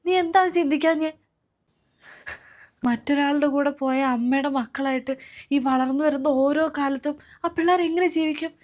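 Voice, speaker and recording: A woman acting as a middle-aged mother in a family web drama, her voice set high. She laments loudly and turns to stern scolding, emotional and insistent throughout. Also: steady tone, normal speed, long pauses, natural voice.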